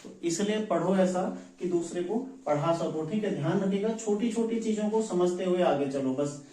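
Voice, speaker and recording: A man's voice: high voice, normal speed, dark tone. A man teaching an exam coaching class, repeating each term and checking in with his students often. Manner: repeats terms, says "ठीक है" and "ध्यान रखिएगा" often. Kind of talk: classroom lecture. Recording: echoey room, far from the mic.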